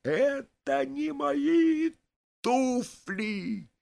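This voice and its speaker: A man voicing an excitable young boy in a children's storybook, his voice pitched high and shrill. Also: extremely slow, gravelly, heavily acted. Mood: agitated.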